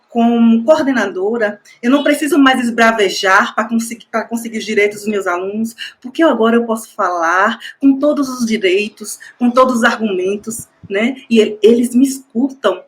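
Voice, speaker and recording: A woman's voice: on the high side, normal speed, hardly any pauses. A woman, a master's student and school coordinator, giving an emotional, effusive tribute speech. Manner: effusive, emotional, repeats the listener's name.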